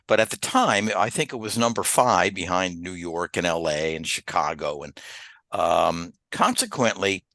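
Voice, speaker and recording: A man in his seventies from the Philadelphia area, telling his life story as a podcast guest at an unhurried pace with many "uh" pauses. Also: on the low side, bright, forceful tone, dry recording. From Philadelphia area, USA. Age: 70s. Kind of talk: relaxed interview storytelling.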